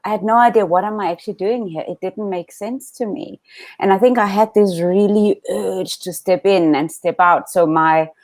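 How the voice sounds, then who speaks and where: A woman's voice: mid-range voice, normal speed, dry recording. A woman from Denmark with a Danish accent, reflecting on her life as an interview guest, speaking with restarts over a video call. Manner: reflective, warm storytelling with restarts. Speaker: guest coach. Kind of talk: interview conversation.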